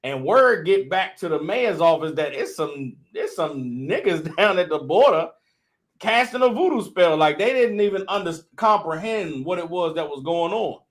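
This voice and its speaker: Speaking at a normal speed in an animated, somewhat high voice, this group member adds religious commentary. He grows more fervent as he goes, peppering his loose remarks with "you know what I'm saying."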